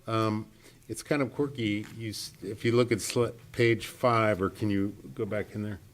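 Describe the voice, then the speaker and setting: Man trustee, lowish voice, halting and loose, asks questions at a public board meeting. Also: fairly even intonation, a little hiss or hum. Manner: rambling, hesitant, self-correcting.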